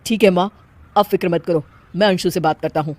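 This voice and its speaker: A woman's voice: on the low side, fairly quick, darkish tone, natural voice. A woman voicing a young husband who speaks firmly. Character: young husband, calm and worried.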